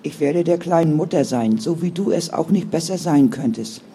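A man's voice: a little high, animated, moderate pace, mellow, slight background noise, close to an everyday voice. A man voicing a firm, caring older sister who speaks in an earnest, sometimes stern way. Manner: stern then soothing, earnest.

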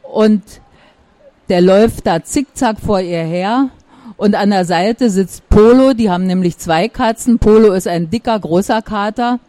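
Slow, mellow woman reading a children's story. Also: mid-range voice, dry recording.

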